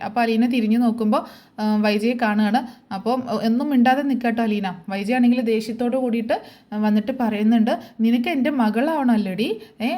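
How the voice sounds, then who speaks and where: A woman's voice: fairly high pitch, darkish tone. A woman casually retelling a TV serial episode in a chatty way, with repeated tag fillers. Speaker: storyteller recapping a TV serial.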